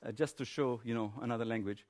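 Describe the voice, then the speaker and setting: A man's voice: medium pitch, fast, darkish tone. A man giving a technical conference presentation in an informal, explanatory manner.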